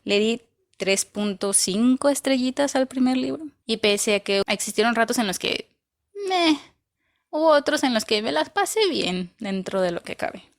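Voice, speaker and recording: A woman's voice: fairly high pitch, moderate pace. A woman giving a casual, opinionated book review, blunt and emphatic, with dry sarcastic asides.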